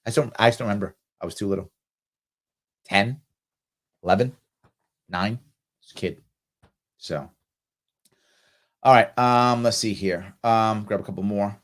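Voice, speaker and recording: With a lowish voice, a somewhat slow pace and frequent pauses, a middle-aged man from New York's South Bronx hosts a live ask-me-anything stream. He reads viewer comments out loud and answers them casually, using fillers.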